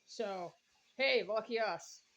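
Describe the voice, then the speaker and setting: A woman's voice: mid-range voice, takes it slowly, fairly bright tone, poor audio. A woman chatting casually through a cooking vlog in her home kitchen, rambling and laughing often between remarks. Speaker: vlogger.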